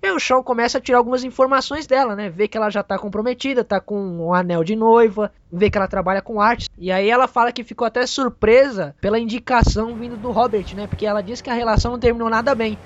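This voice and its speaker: A man co-hosting a casual podcast, retelling a TV episode in a relaxed way and tagging his sentences with quick checks to his listeners. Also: extremely high pitch, dry recording. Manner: relaxed retelling with frequent "né?" tags. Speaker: podcast co-host. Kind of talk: casual recap chat about a TV episode. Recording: dull lo-fi audio.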